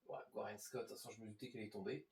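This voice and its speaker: A man's voice: fairly low pitch, little pitch movement, racing, darkish tone. A man giving casual, informal game commentary, talking directly to his viewers as host. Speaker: gaming video host. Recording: roomy echo.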